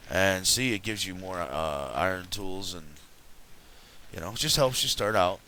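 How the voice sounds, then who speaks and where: Sleepy and unhurried, a man with a low, raspy voice rambles through an early-morning gaming session as a let's play host. He sounds bright and forward, chatty and self-correcting, with a faint hiss under the audio.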